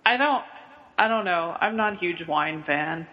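A man's voice: high voice, lively intonation, measured pace. Upbeat giggly young man, echoing. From Kentucky. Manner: giggly, upbeat, laughs between lines. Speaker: podcast host. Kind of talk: casual chat. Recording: muffled audio, long room reverb.

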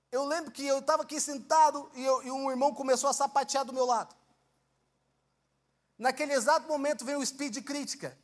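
A young man with a Brazilian Portuguese accent preaching a sermon and telling his own testimony, often asking the congregation questions and acting out what he once said. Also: very high voice. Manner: storytelling, acts out his own past words.

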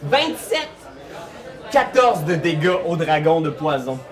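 A young man with a Quebec French accent, narrating a live tabletop game as game master in a lively, laughing way. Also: fairly high pitch, slow, crowd noise. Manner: lively, animated storytelling, laughing often. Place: large hall before a live audience. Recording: distant mic, roomy hall, audience laughter.

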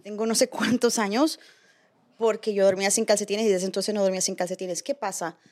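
A woman on a podcast panel telling a scary personal story in a casual, animated way, dropping in English phrases. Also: medium pitch, a little fast.

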